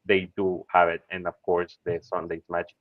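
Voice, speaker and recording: A man co-hosting a live fan show, chatting in a self-deprecating, halting way. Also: low voice, completely flat delivery, dry recording. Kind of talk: casual live-stream chat. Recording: dry, dull lo-fi sound.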